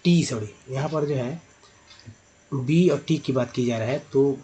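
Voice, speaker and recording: A man's voice: mid-range voice, a little slow, dark tone, breathy edge. Man teaching English in Hindi. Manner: repeats words, corrects himself mid-sentence. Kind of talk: explanatory lesson.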